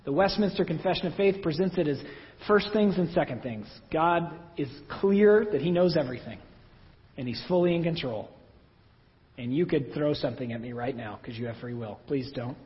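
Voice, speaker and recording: A man's voice: on the high side, moderate pace. A man preaching a sermon in a church, talking in a conversational way with self-deprecating asides. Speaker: pastor. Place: church hall. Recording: dull sound with long hall reverb.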